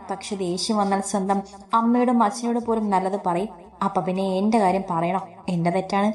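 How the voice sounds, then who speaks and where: Woman reading a story out loud, mellow voice, pretty flat and steady. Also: medium pitch. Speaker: narrator. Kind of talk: scripted story narration.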